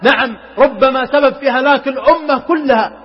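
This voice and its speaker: A man with an extremely high, brisk, breathy voice preaches an emotional sermon, telling a story dramatically, rising to impassioned pleading, and at times chanting verses melodically. The recording is muffled, with a long hall reverb.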